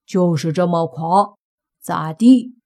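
A woman's voice: on the low side, slow, a little mellow. A woman doing a cocky brash young man. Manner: brash, mocking, casual slang.

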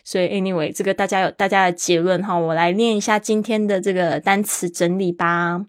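A woman's voice: on the low side, steady tone, fairly quick, no room sound, studio quality. A woman hosting a casual English lesson podcast, chatty and spelling words out letter by letter. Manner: laughs easily. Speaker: English teacher and podcast host.

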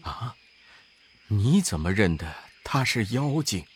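Male storyteller as a soft, gentle monk, lowered and unhurried, in an audio tale. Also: big pitch swings, slightly rough, heavily acted. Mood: mild. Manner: quiet, mild, lowered voice. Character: gentle, soft-spoken pious monk, adult man.

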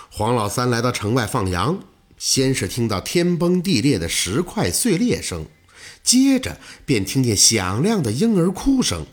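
A man's voice: mid-range voice, breathy edge. A man narrating a folk tale in a dramatic storytelling manner.

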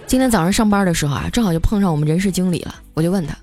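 A young woman host telling a comic story in a chatty way, stretching her sentences with drawn-out particles. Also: lowish voice, warm tone, some chatter behind. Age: young adult. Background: faint background music.

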